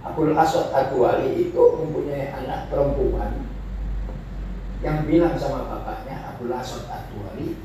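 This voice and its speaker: A man teaching Arabic grammar in a classroom lecture, slowly repeating Arabic phrases to show how the intonation rises and falls. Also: mid-range voice, warm tone. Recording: echoey room, voice from far off, faint noise.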